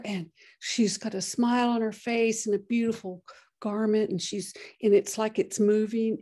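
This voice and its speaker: A woman giving a lecture, often pausing and restarting her sentences. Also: a little high, mellow. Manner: halting, many restarts and fillers. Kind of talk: lecture presentation.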